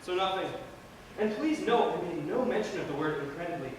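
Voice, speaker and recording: Actor as sardonic needler, high voice, stage play, distant and echoey. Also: male voice, lively intonation, fairly quick, a little hiss or hum. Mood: needling. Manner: sarcastic, needling. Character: sardonic needling man, blunt skeptic. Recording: echoey stage recorded from far off.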